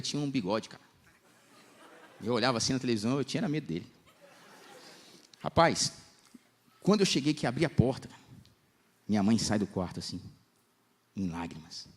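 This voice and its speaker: A young man preaching at a church congress, telling lively stories in slangy talk and acting out the voices he quotes. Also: on the low side. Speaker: pastor. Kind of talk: lively storytelling sermon.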